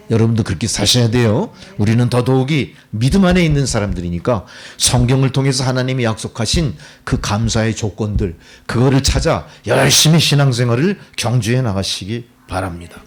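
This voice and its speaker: A middle-aged male pastor preaching a sermon, often putting questions to the congregation. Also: mid-range voice.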